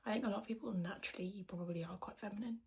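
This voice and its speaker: A woman podcast host whispering in a hushed, quiet voice so as not to wake anyone, chatting casually in a rambling, self-deprecating way. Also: mid-range voice, racing. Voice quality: whispered, breathy voice. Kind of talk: casual chat to podcast viewers.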